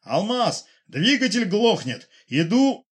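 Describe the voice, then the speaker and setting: A man voicing a seaplane pilot who shouts urgent reports over the radio in a high, strained voice. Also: big pitch swings, slow, breathy edge, heavily acted.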